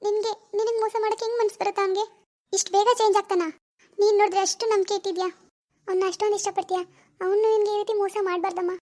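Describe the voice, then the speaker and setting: A woman's voice: extremely high pitch, little pitch movement, very fast, darkish tone. A woman acting as an older mother-in-law who soothes her daughter-in-law while stirring trouble against her son. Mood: concerned. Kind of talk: amateur family drama acting.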